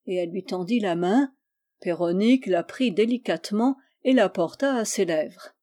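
A woman narrating a fairy tale aloud, expressive and storytelling. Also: mid-range voice, moderate pace.

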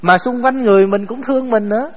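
A monk preaches a Buddhist sermon in a fairly high voice. He keeps putting questions to his audience and answering them himself. His voice echoes through a dull-sounding hall. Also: fast. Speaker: Buddhist monk giving a dharma talk.

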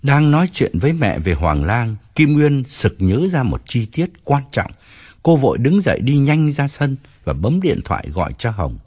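A man narrating an audiobook story with expressive storytelling. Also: mid-range voice, normal speed, slightly rough.

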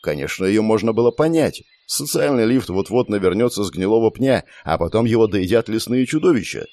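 Man, audiobook narration, first person, low voice, dry close sound. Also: animated, fairly quick, warm tone, no room sound.

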